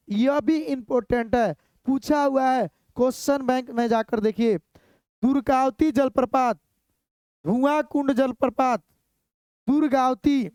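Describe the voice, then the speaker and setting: Woman teacher, high and slow, smooth dry voice, repeats terms for students to memorize. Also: darkish tone, no room sound. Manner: drills terms by repeating them over and over. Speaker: exam coaching teacher. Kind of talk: slow repetitive exam-prep lesson with memory tricks.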